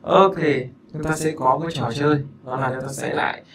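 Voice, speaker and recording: A male teacher running an English lesson, repeating phrases slowly and glossing them, with chatty, joking asides. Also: on the high side, crowd noise. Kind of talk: language lesson explaining a listening exercise.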